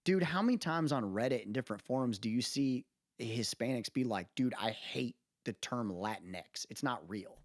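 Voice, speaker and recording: A male podcast host talks in a casual, slangy, opinionated way, repeatedly using tag questions to seek agreement and check the listener follows. His mid-range voice has lively intonation and a moderate pace. The recording is dry and clean, studio quality.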